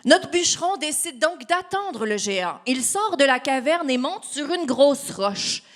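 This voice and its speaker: A woman's voice: sits high, expressive, measured pace. A woman with a Québécois French accent reading a story to children at storytime, playful and chatty with her audience. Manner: playful, asks the children questions, laughs often. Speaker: storytime reader.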